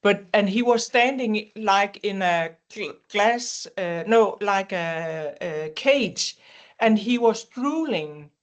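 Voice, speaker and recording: A woman talking casually about true crime, in halting English. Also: medium pitch, animated. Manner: halting, non-native English phrasing.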